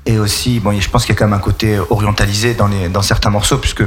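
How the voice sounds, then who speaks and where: A man with a low voice chiming in as a guest on a radio interview, easygoing and agreeable. A faint hiss runs under his speech. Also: flat delivery, fast talker.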